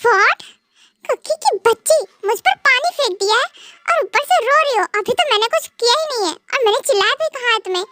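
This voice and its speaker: A woman's voice: very high-pitched, fast talker, hardly any pauses, bright, forceful tone. A girl voicing a scolding mafia husband. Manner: scolding, then coaxing and tender. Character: possessive young male mafia husband. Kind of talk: Hindi fan dub voiceover.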